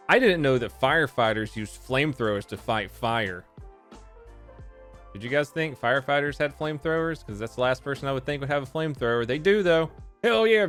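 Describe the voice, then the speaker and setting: Sarcastic man doing a comedic news recap. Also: mid-range voice. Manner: sarcastic, jokey, reads headlines aloud. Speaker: host.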